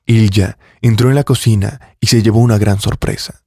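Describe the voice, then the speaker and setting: Low, mellow male storyteller. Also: fairly even intonation, normal speed, no room sound, studio quality. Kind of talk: scripted story narration.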